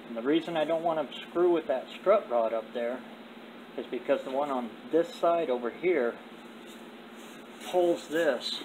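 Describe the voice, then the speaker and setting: A car builder in his sixties vlogs from a cluttered metal garage workshop, speaking in a mid-range voice with slightly slurred, toothless diction in a folksy, halting, rambling way as he works. The camera sits a short distance away and is later handheld, and the workshop ambience is clearly noisy.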